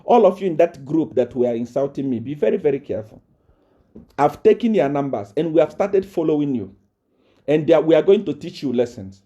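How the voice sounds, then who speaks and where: A man's voice: fairly high pitch, lively intonation, a little fast, warm tone, highs cut off. A man ranting on a live stream, boastful and threatening, repeating himself often. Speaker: self-styled prophet addressing viewers. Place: South Africa.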